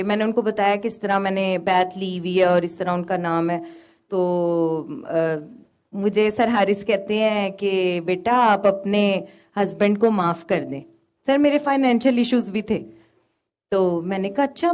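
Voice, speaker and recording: A woman's voice: mid-range voice, a little mellow. A young woman earnestly telling an emotional personal testimony as a guest, with frequent hesitations. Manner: earnest, emotional storytelling with many fillers.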